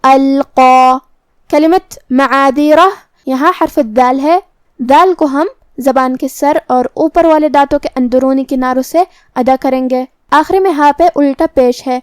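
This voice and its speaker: A woman with a high voice teaches the rules of Quran recitation. She goes through each letter in a calm, methodical way. The recording is dry and close, with no room sound. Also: dry recording. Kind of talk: tajweed lesson, explaining rules.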